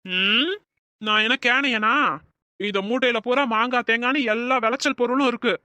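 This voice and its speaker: A cranky village gardener man, voiced by a woman in a cartoon story. His voice is bright and slightly high, and he answers back bluntly. The recording is dry. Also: normal speed, no room sound. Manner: gruff, blunt retorts. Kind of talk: cartoon voice acting.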